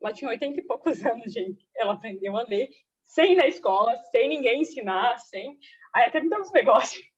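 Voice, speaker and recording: Woman telling a story on a group call, very high voice, casual, muffled sound. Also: animated, fairly quick, breathy edge. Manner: casual, uses fillers like "tipo". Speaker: group member. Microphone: video call.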